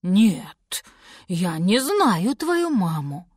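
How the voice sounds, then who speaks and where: A woman voicing a grumpy, hard-of-hearing old male walrus who grumbles and tells a story slowly, with wonder, in an audiobook fairy tale. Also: mid-range voice, very animated, darkish tone, husky, no echo, clean studio sound, exaggerated voice. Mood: grumbling.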